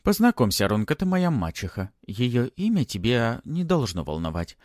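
A man voicing a bold, fiery young noble girl who speaks high and fiercely in an audiobook. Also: big pitch swings, normal speed, darkish tone, dry recording, clean studio sound, natural voice. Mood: defiant.

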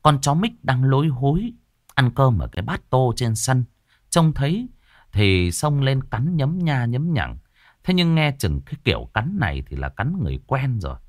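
A man's voice: medium pitch, very animated, normal speed, a little mellow, dry recording, studio quality. A man narrating a ghost story expressively and dramatically.

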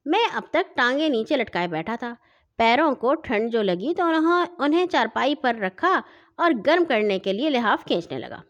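Expressive woman reading a children's story. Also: on the high side, lo-fi sound. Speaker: narrator. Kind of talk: children's audio story narration.

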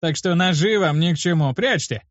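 A man's voice: on the high side, normal speed, no echo, muffled recording, pitched above the performer's own voice, lightly acted. A man doing a firm gang leader. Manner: firm, settling things. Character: calm commanding male gang leader.

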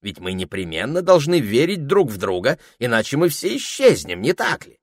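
A man's voice: medium pitch, wildly swooping pitch, normal speed, dry recording, clean studio sound, pitched above the performer's own voice. A man voicing a bossy, fussy talking male parrot in an audiobook, with theatrical, indignant outbursts. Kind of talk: audiobook character voice.

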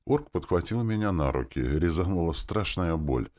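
Very deep, lively male narrator. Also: moderate pace. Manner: expressive, wry reading. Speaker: audiobook narrator. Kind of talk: first-person audiobook reading.

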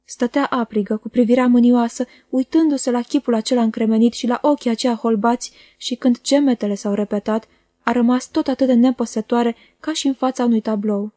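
A woman reading a classic novel aloud as an audiobook, in a measured and expressive manner. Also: fairly high pitch, dry recording, clean studio sound. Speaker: audiobook reader. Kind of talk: literary audiobook narration.

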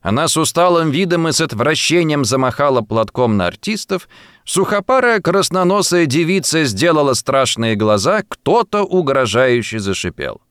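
A man's voice: fairly high pitch, sing-song, moderate pace, fairly bright tone, smooth, no room sound, clean studio sound. A man narrating a literary story as an audiobook, reading expressively and dramatically.

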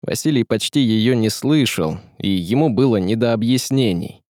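A man's voice: fairly low pitch, lively intonation, normal speed, darkish tone, no echo, clean studio sound. A man narrating a story as an audiobook reader, telling it expressively and voicing each character. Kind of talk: scripted narration.

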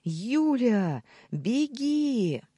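A man voicing a desperate, angry young man who pleads, shouts and snarls in a dramatic audiobook. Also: a little high, slow pace, no room sound, clean studio sound.

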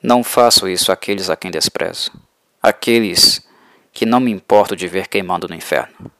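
A man voicing a pale, ageless male vampire who speaks slowly and softly with quiet mockery. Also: low-pitched, no echo, voice pushed down. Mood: cold, mocking. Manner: slow, soft, mocking.

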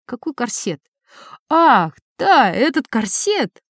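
A woman's voice: on the high side, sing-song, takes it slowly, dry recording, clean studio sound, pitched above the performer's own voice, exaggerated voice. A woman reading as a husband who coaxes and pleads with his angry wife. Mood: pleading. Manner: coaxing, pleading. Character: fawning, pleading husband, a gentleman. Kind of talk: audiobook character reading.

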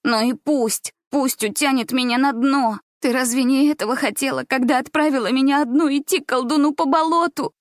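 A woman's voice: on the high side, fairly even intonation, takes it slowly, no room sound, studio quality. A woman voicing a frightened, desperate young girl who pleads and cries out accusations. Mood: tearful rage.

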